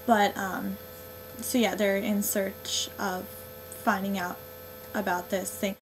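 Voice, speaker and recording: A woman's voice: mid-range voice, flat delivery, slow, background noise. A young woman vlogging a casual movie review, sarcastic and exasperated, filling her talk with 'um' and 'like'.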